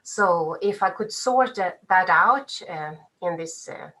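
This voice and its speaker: A woman's voice: on the low side, expressive, slow, sharp tone, low-quality recording. A woman from Sweden, speaking hesitantly on a video call with frequent fillers. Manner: hesitant, with fillers and nervous laughs. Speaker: participant.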